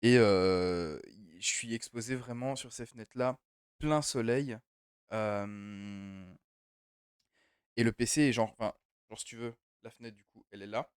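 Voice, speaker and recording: A man's voice: fairly low pitch, unhurried, clear, resonant tone, no room sound, clean studio sound. A young man streaming a game from home, chatting loosely and rambling as he answers his chat. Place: home room.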